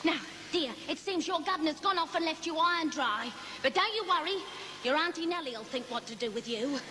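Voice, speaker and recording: A woman playing a scheming, chatty working-class London pie-shop keeper in a stage musical, with a Cockney accent and brisk motherly endearments. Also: high-pitched, expressive, sharp tone, a little hiss or hum. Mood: coaxing. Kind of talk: theatrical stage-musical dialogue.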